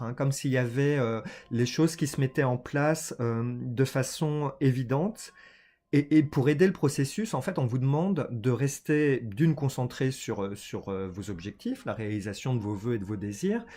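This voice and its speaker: A man doing a casual oracle card reading for his viewers, talking hesitantly with many fillers and small laughs. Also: medium pitch. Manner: hesitant, many fillers, chatty and warm-toned about cards.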